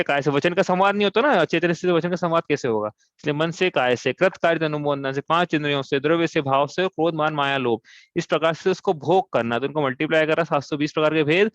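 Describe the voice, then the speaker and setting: A man's voice: on the high side, fairly bright tone, dry recording. Hindi-speaking man teaching scripture, dry lo-fi sound. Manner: explains step by step, asks and answers own questions; chants verses slowly. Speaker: religious teacher. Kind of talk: scripture class explanation.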